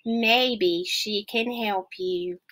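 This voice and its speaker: Gentle starfish advice-giver read by a lady, unhurried. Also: mid-range voice. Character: kindly storybook starfish.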